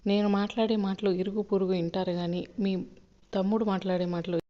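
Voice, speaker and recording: A woman voicing a touchy young wife who is quick to anger and speaks in a resentful, sharp way. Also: mid-range voice, flat delivery, dull audio, natural voice.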